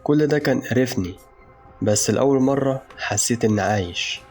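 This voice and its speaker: A man with an Egyptian Arabic accent narrating a dark first-person story in a slow, brooding, intense way. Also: medium pitch, soft background music.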